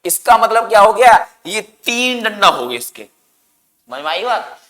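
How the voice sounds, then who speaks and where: This man's voice is high, sing-song, unhurried and fairly bright as he teaches grammar for an exam, firing questions at students and answering them on his own. He stretches words dramatically for emphasis, and the audio has a long echoing reverb.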